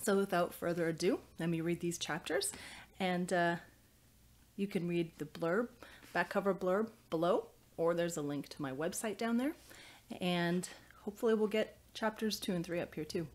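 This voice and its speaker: In a small study with bookshelves, an author in her thirties reads her novel aloud and presents it as scripted, audiobook-style narration. She speaks at normal speed in a lowish voice.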